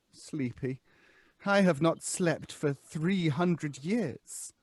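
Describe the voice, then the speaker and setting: An actor playing a haughty, weary centuries-old ghost in an old-time radio drama, with pompous, theatrical phrasing. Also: male voice, fairly high pitch, very slow, no echo. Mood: weary, mournful. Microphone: close studio microphone.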